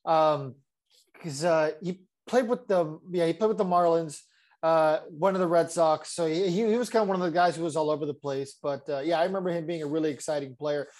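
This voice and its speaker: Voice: mid-range voice, a little fast, darkish tone. A young adult interviewer asking casual, leading questions in a sports chat.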